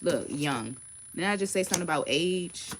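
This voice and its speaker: A woman's voice: fairly low pitch, lively intonation, normal speed, very noisy. A woman in her thirties doing a casual tarot reading livestream, talking bluntly and emphatically with frequent swearing. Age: 30s. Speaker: tarot card reader.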